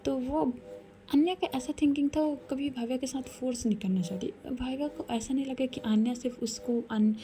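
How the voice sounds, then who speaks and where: A woman storyteller narrating a romance story in a soft, conversational way. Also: high voice, fairly even intonation, fairly quick, a little hiss or hum. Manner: soft, conversational storytelling with English words mixed in.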